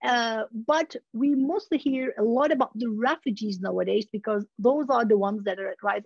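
Speaking on the high side with a creaky, slightly rough, somewhat mellow voice, a Turkish woman presents a university webinar. There's no echo, but the laptop video-call audio sounds muffled. Her lecture is casual, full of "you know, like" fillers and self-corrections.

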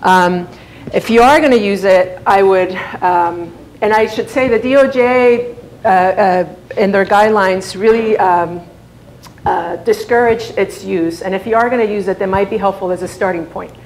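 Speaking at a moderate pace in a medium, darkish voice, a thirty-something woman who grew up in Spain speaking Spanish presents to a conference. Her style is casual, heavy on fillers and restarts, and the big hall sounds echoey with a faint hum.

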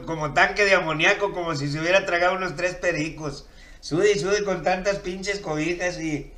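A man's voice: on the high side, fairly bright tone, echoey room. A man with a Mexican Spanish accent doing a rambling, crude, slang-heavy comedy monologue. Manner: crude, slangy, rambling with chuckles at own jokes.

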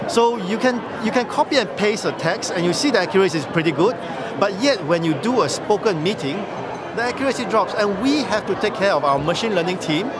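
A man, giving a brisk, persuasive product pitch at a trade show, filling gaps with "uh". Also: animated, heavy background noise. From Singapore. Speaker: company tech chief giving a product demo. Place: busy indoor trade-show hall. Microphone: handheld camera mic held close. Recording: loud trade-show crowd. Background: loud crowd chatter.

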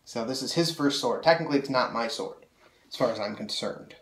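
In a small indoor room lined with swords, a young man reviews a blade with obvious enthusiasm, his mid-range voice a little fast and fairly bright, and slightly nasal from a cold. He rambles casually, full of fillers. The camera mic is several feet away, leaving a distant, roomy echo.

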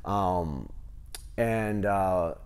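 A man in his thirties, a gym owner, answering interview questions with animated stories and lots of fillers, on a lapel mic in a large gym. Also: low voice, extremely slow, clean tone. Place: large empty gym, indoors.

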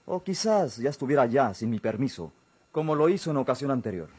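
Playing a stern, dismissive police chief in a golden-age radio drama, a Mexican actor speaks formally and with curt authority. His medium-pitched voice is very animated, fast, and darkish in tone, with a breathy edge and no echo.

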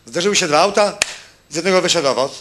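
A male stand-up comedian on stage, delivering a mocking monologue with quick punchlines and asides to the audience. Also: a little high, expressive, a bit bright, slight background noise. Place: stage before a live audience.

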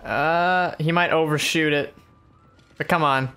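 A man's voice: fairly high pitch, steady tone, a little slow, pushed and bright, clean tone. A man casually chatting while playing a video game, rambling through tangents and laughing often. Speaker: let's play co-host, player. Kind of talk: casual gameplay chat.

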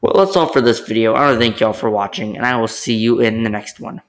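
A man's voice: on the low side, fast talker. A young man narrating his theme park vlog as a voice-over, eager and rambling, often restarting his sentences.

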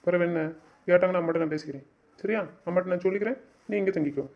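A man's voice: sits high, racing, gravelly. A man in a romantic audio drama, scolding and teasing his partner in a bossy way. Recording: dull lo-fi recording.

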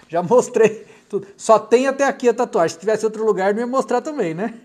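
High-voiced Brazilian man chatting on a live stream. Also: moderate pace. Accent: Brazilian Portuguese. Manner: chatty and affectionate, often dropping softly aside to someone off camera. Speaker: clinical hypnotherapist. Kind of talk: casual live-stream chat reading viewer comments.

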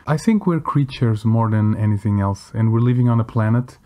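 Male co-host, first language Portuguese, mellow relaxed voice, talks freely and emphatically. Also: fairly low pitch, a little fast. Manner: opinionated, free-flowing, emphatic. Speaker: podcast co-host. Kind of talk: casual chat.

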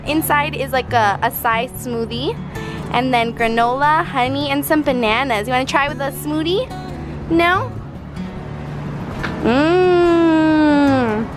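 A woman's voice: high-pitched, normal speed, poor audio. A young woman and stay-at-home mom vlogging casually to her camera at the beach, chatty and saying "like" a lot. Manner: chatty, says "like" often. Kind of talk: casual vlog chat to camera. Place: outdoors at a beach. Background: loud music.

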